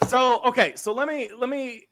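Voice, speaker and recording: A man's voice: very high voice, fairly even intonation, moderate pace, fairly bright tone. A man hosting a casual sports talk show, speaking in an opinionated, emphatic way. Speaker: sports podcast host.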